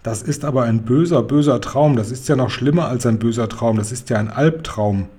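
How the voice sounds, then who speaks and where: A man voicing an excitable old storybook giant. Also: medium pitch, brisk, husky, natural voice. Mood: excited. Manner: excited, garbled word choices. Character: big kindly old male giant, excitable.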